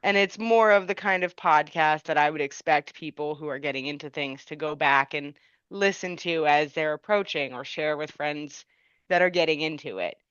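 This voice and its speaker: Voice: mid-range voice, normal speed, a bit bright, clear, resonant tone, dry recording. A podcast co-host in casual chat, matter-of-fact with a dry wit, on a dull lo-fi mic.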